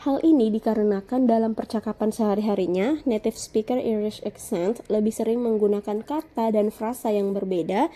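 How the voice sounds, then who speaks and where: A woman lecturer giving a measured, explanatory scripted lesson narration. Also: medium pitch, steady tone, mellow.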